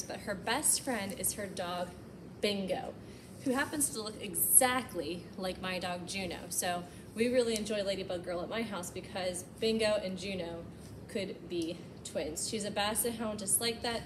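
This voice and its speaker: A woman hosting storytime reads a picture book aloud, animated and expressive, tossing in chatty asides for young children. Her pitch is medium and her speed normal, with a noisy background.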